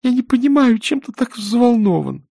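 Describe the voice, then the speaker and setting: A man voicing a gentle, bewildered middle-aged wife who talks softly and patiently. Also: extremely high pitch, sing-song, moderate pace, gravelly, no room sound, studio quality, voice pushed up, exaggerated voice. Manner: soft, soothing, patient.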